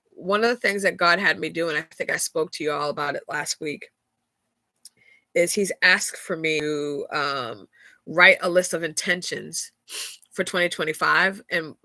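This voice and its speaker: Speaking at a fairly low pitch with a sharp tone, a woman hosts a faith-centered podcast in a dry recording. Her talk is candid and chatty, full of fillers and laughs, and her nose is stuffy.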